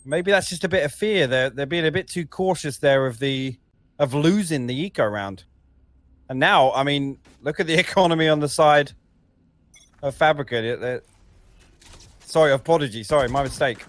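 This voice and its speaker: A man's voice: a little high, normal speed, dry recording. A man with an Essex accent giving conversational, analytical commentary on an esports match, sometimes correcting himself mid-sentence, over a headset mic. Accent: Essex English. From Essex, England.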